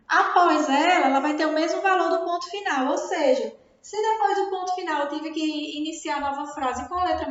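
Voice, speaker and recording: A woman with a Brazilian Portuguese accent, teaching a grammar lesson and often checking understanding with tag questions. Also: very high-pitched. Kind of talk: recorded classroom lesson. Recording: very echoey room, dull sound.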